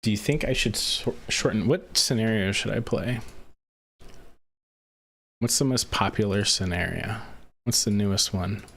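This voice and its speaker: Tipsy man with a lowish voice, streaming. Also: a little slow, gravelly, pauses often, fairly bright tone. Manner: tipsy, loose, drifting off mid-thought. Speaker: livestreamer, aim training coach. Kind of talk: casual livestream chat, answering viewer questions.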